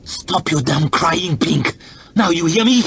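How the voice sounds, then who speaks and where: A man's voice: fairly high pitch, lively intonation, slow pace, vocal fry, fairly bright tone, slight background noise, voice pushed up, exaggerated voice. A man voicing a fierce, hard-bitten female fugitive who barks harsh, urgent commands. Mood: urgent threatening.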